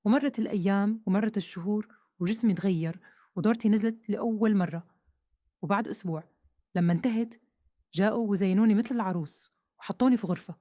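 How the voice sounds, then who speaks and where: A woman narrates a first-person story at a brisk pace. Her voice is dark and mellow, and the recording is dry and close. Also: medium pitch, no room sound. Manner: fast, earnest storytelling.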